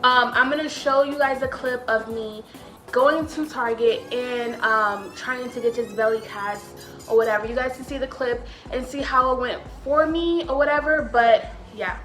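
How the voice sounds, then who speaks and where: Young woman, vlogger, casual chat, slightly high-pitched, a bit breathless, loose and rambling. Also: fairly even intonation, normal speed, a bit bright, echoey room, soft background music. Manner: chatty, loose, trailing off with "or whatever".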